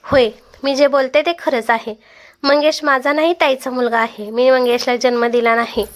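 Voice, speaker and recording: A woman voicing a protective, sharp-tongued middle-aged mother in a read-aloud family story. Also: high voice, steady tone, normal speed, close to an everyday voice. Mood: confessing.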